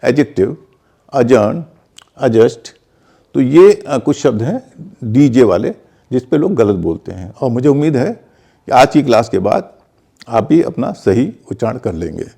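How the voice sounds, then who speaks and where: A man's voice: medium pitch, very animated, measured pace, vocal fry, long pauses, mellow, slightly rough. A man teaching English pronunciation in Hindi, methodically spelling words out and repeating examples. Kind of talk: explanatory lesson in conversation.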